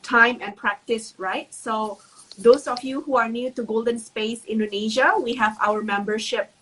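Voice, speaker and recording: A woman's voice: a little high, steady tone, normal speed, sharp tone, rough recording. A woman hosting a casual online interview, friendly and hesitant, with many fillers. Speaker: host.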